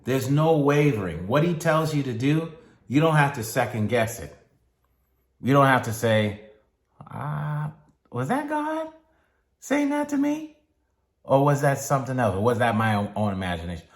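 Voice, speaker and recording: A man giving a motivational sermon in a slow, deliberate way with long pauses. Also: mid-range voice, animated. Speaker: speaker. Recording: echoey room.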